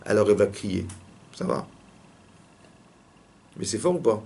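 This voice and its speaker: A man, a rabbi, teaching a lively religious lesson in a classroom and pressing his students with repeated questions. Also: lowish voice, unhurried, creaky.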